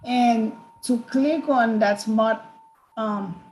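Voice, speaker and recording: A woman's voice: on the high side, extremely slow, a little mellow, reverberant, a little hiss or hum, poor audio. A woman asking hesitant questions in a casual online meeting, with many fillers and restarts.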